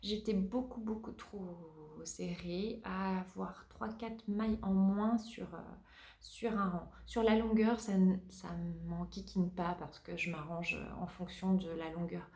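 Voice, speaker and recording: A woman's voice: lowish voice, fairly even intonation, unhurried, darkish tone. A woman hosting a knitting podcast in casual chat, hesitant with many fillers and restarts. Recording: roomy echo.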